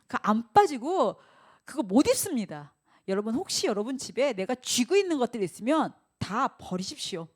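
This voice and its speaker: A woman pastor preaching a Sunday sermon, putting rhetorical questions to the congregation and acting out quoted speech. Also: a little high. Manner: acts out quoted speech in lively voices.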